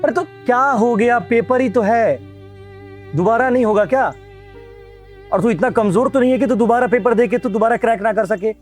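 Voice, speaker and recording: A man's voice: very high voice, normal speed, soft background music. A man playing a worried elder brother who pleads and repeats himself in a short film.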